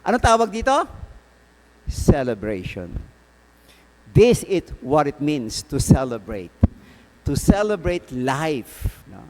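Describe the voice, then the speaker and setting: A man with a Filipino accent gives a sermon, switching between English and Tagalog and asking his listeners questions. His voice sits fairly high and moves up and down a lot as he tells his story. A long hall reverb trails after his words. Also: very animated, takes it slowly, pauses often, darkish tone. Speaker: priest. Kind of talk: sermon at a prayer meeting.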